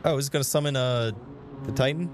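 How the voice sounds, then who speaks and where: A man's voice: medium pitch, quick pace, slight background noise. A man of about twenty-one, chatting casually with his stream chat while playing a game. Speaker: Twitch streamer. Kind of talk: casual gaming livestream commentary. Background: game music.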